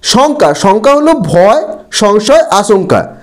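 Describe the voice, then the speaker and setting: A man explains textbook answers to students. His delivery is slow and deliberate, spelling out words syllable by syllable, and his pitch moves in a lively way. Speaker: teacher.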